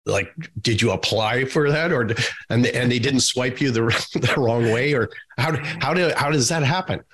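A man's voice: medium pitch, normal speed, a bit bright, husky. A man hosting a podcast, asking long, loose questions that restart and wander before landing. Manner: rambling, self-interrupting questions. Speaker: podcast host. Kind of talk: casual interview questions.

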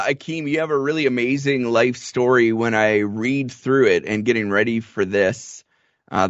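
A man hosting a faith talk show, asking a guest measured questions. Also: mid-range voice, no echo, highs cut off. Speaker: interviewer host.

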